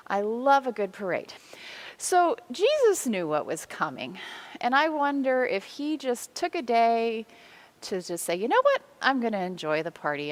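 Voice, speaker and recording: Church organist, woman, middle-aged; animated, swinging delivery for a devotional music segment. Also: mid-range voice. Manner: warm, expressive explaining, counting beats aloud.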